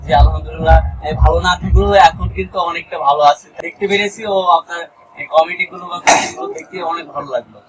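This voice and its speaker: Fast-talking Bangladeshi man interviewing. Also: a little high, steady tone. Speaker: local news interviewer. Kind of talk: informal on-location interview. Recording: distant mic, faint ambient noise.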